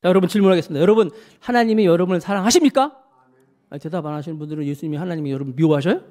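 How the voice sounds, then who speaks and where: A man's voice: a little high, very fast. A man, the church's pastor, preaching a sermon, asking the congregation questions and acting out people's words. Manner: animated, asks the congregation questions; acts out people's words in quotes.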